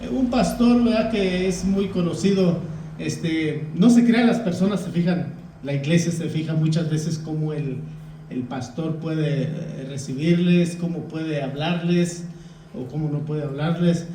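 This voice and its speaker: A man's voice: a little high, unhurried, mellow, a little hiss or hum. Pastor guy, folksy chatty sermon, distant mic in an echoey church hall. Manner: folksy, keeps addressing the congregation as brothers. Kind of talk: conversational sermon teaching.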